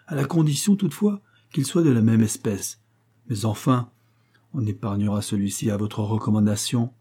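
A level-headed lieutenant at a remote fort, as a male reader puts him on, weighing his words calmly and reasonably. The voice is dark and husky, and the lines are read aloud as a storybook scene. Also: fairly low pitch. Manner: measured, reasoning.

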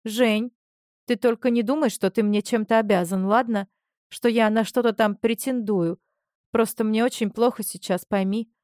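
A woman's voice: a little high, steady tone, normal speed, a little mellow, no echo, clean studio sound, natural voice. A woman voicing a manipulative young woman who pretends to be helpless, speaking in a plaintive, pleading way. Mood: tearful pleading.

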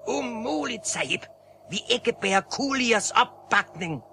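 An anxious mountain guide in broken speech. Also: male voice, extremely high pitch, expressive, gravelly, exaggerated voice. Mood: worried. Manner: broken halting speech, urgent warnings. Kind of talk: radio play acting. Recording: noisy old radio-play recording.

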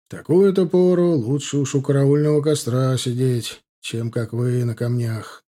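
A friendly, chatty infantry staff captain, voiced by a man. He talks familiarly in a mellow, darkish voice. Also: medium pitch, fairly even intonation, normal speed, natural voice.

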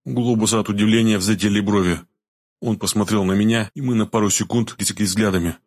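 A man reading a first-person audiobook narration in a calm, matter-of-fact way. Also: lowish voice, fast talker, no echo, studio quality.

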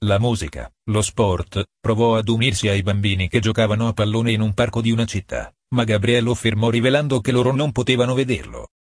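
A man reading a story aloud as an audiobook narrator, in a measured way that slows for emphasis. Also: fairly low pitch, no echo, studio quality.

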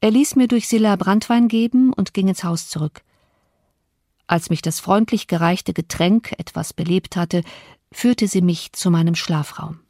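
Female audiobook narrator, measured and expressive, close dry recording. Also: mid-range voice, dry recording. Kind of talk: scripted narration of a classic novel.

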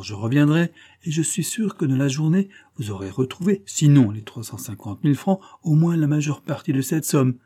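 A man's voice: medium pitch, warm tone, husky, pitched above the performer's own voice. A man voicing a stern, indignant middle-aged banker who speaks in a raised, vibrant voice. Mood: coaxing.

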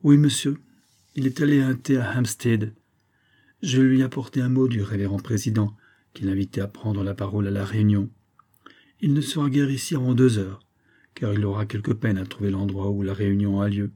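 A man's voice: lowish voice, steady tone, fairly quick, dark tone, natural voice. A man voicing an obliging, servile valet.

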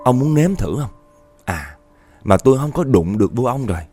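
A man's voice: medium pitch, very animated, normal speed, darkish tone, soft background music. A man voicing a sinister man who speaks in a mocking, threatening way. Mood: menacing.

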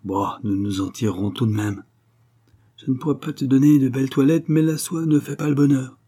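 A man's voice: on the low side, little pitch movement, normal speed, a little mellow, slightly rough. A man reading a moody, self-absorbed young poet. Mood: forced cheer. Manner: glib, falsely cheerful. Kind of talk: audiobook character reading.

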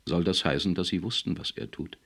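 A man's voice: deep voice, fairly quick, fairly bright tone. A man reading an audiobook, voicing a cold, stern male official who questions and lectures in a cool, probing manner.

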